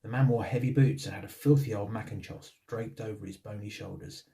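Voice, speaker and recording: A man reading a crime novel aloud with steady, dramatic narration. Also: fairly low pitch, fairly quick, far from the mic. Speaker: author reading his novel.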